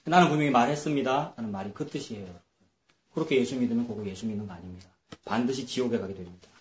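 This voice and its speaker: A man's voice: on the low side, quick pace, a little mellow, roomy sound, highs cut off. A male pastor preaches a sermon in a conversational way, acting out the voices of biblical figures.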